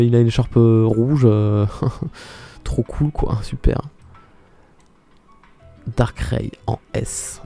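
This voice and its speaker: Mellow-voiced young man streaming. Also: mid-range voice. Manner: exclaiming and answering viewers' chat. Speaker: live streamer. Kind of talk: casual live-stream commentary.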